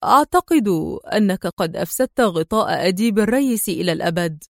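A woman voicing a nervy, sharp-tongued young woman agent who sounds tense and snappish. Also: medium pitch, animated, brisk, vocal fry, no room sound, studio quality.

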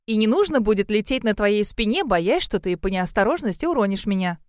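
A woman's voice: mid-range voice, lively intonation, fairly quick, a little mellow, dry recording, studio quality, natural voice. A woman voicing an eager, impulsive young woman adventurer who speaks cheerfully. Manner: cheerful, enthusiastic.

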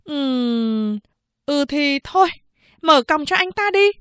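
A woman voicing a female police officer who speaks briskly and scolds. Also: high-pitched, lively intonation, a bit bright, dry recording, pitched above the performer's own voice, full character voice. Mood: stern.

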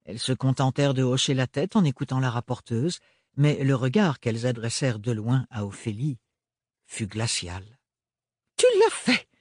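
A man's voice: medium pitch, brisk, darkish tone, no room sound. Man narrating a novel, dry close sound. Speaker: audiobook narrator. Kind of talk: scripted narration.

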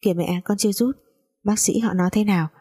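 Woman reading a soft-spoken young wife, mellow, husky. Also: mid-range voice, fairly even intonation, fast. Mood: calm. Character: gentle, honest young wife.

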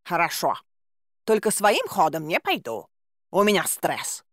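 A woman's voice: lowish voice, wildly swooping pitch, a little slow, fairly bright tone, dry recording, studio quality, exaggerated voice. A woman voicing a smug, lazy, fat male talking cat in an audiobook, drawing out his words in a self-satisfied way.

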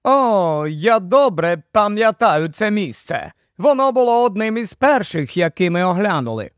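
A cheerful, knowledgeable doctor, as an audiobook narrator plays him, explaining eagerly in a fairly high voice. The recording is close and dry. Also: male voice, very animated, a little slow, no echo.

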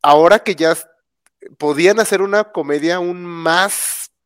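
A man's voice: high-pitched, a little slow, clear, resonant tone, no echo, clean studio sound. A man from Mexico with a Mexican Spanish accent, co-hosting a casual chat and joking often. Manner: joking, laughs between remarks. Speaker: podcast co-host.

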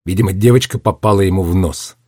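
A man narrating an audiobook in a measured, steady storytelling voice. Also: deep voice, husky, dry recording, clean studio sound.

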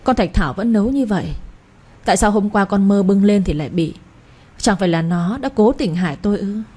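An old family matriarch, stern and used to being obeyed, as a woman narrator puts her on. She scolds and gives orders in a mellow, breathy tone. It sounds like a read-aloud audio story. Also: medium pitch, brisk, lightly acted. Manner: commanding, scolding.

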